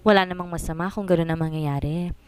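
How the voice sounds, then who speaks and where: A woman's voice: lowish voice, fairly even intonation, quick pace, clean tone, dry recording, faint music behind, poor audio. A woman narrating a dramatized story, mixing English into Tagalog.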